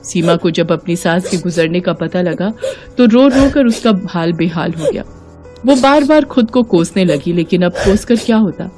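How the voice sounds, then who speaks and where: A woman's voice: on the low side, lively intonation, moderate pace, music in the background. Woman narrating a moral story.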